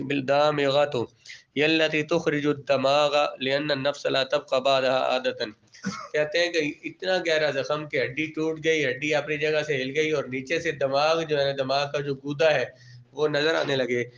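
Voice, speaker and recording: A man with a fairly high voice teaches a class, reading out terms from an old text and explaining each in simple words. He often asks a question and answers it himself. The recording sounds dull and lo-fi. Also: vocal fry, fairly bright tone. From Pakistan. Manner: reads Arabic terms, then explains each in plain everyday words. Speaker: religious studies teacher.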